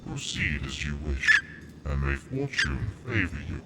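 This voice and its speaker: Booming metallic robot servant. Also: male voice, sing-song, full character voice. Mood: formal. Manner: formal, deferential, measured. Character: formal humble male servant voice, booming and robotic. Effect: deep metallic robot voice filter from a mixer. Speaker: gaming streamer. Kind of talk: voicing game dialogue live. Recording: loud noise under a filtered voice.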